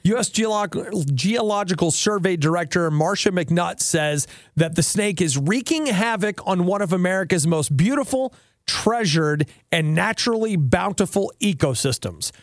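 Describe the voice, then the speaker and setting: A man's voice: high voice, animated, moderate pace, no room sound, studio quality. A man co-hosting a casual chat show, wry and joking as he reads out news items. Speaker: co-host.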